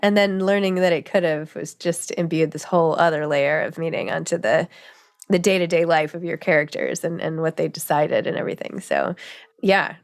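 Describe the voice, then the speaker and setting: A woman's voice: deep voice, fairly even intonation. Chatty, rambling middle-aged woman host. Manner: chatty, rambling, quick asides. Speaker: podcast host. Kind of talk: conversational interview.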